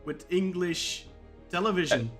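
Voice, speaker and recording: A man's voice: sits high, unhurried, over loud music. A man from Belgium, a Dutch speaker talking in English as a podcast co-host and football writer, rambling and repeating words as he goes. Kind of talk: casual podcast chat.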